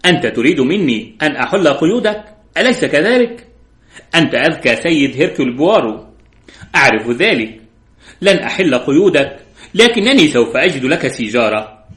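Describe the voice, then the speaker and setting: A man voicing a cold, mocking French woman who leads a criminal gang, speaking softly and with icy calm. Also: mid-range voice, normal speed, lightly acted. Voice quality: cold, soft-spoken. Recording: roomy echo.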